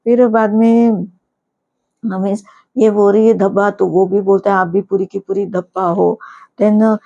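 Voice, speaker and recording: A woman's voice: mid-range voice, level tone, a little slow, gravelly, warm tone, dull audio. A woman casually recapping a reality show episode, indignant at times and retelling scenes through quoted lines.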